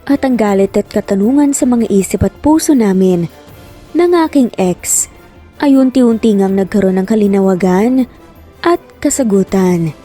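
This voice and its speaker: A woman narrating a dramatic story in a slow, deliberate manner. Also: medium pitch, mellow, husky, soft background music. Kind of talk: scripted narration.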